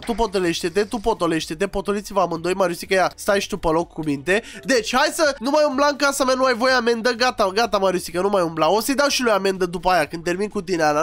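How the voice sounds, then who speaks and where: Romanian guy, pretty high voice, doing a strict cop in a game role-play, scolds and barks commands nonstop. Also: a bit bright. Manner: bossy, scolding, rapid commands. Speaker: gamer playing a police officer. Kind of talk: role-play over Minecraft gameplay.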